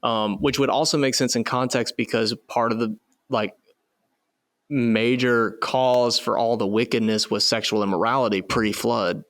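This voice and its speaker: Gravelly laid-back man, casual podcast. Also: medium pitch, steady tone, moderate pace, fairly bright tone, no room sound. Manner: laid-back, jokey, trails off with fillers. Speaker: podcast co-host. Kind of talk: casual Bible study chat.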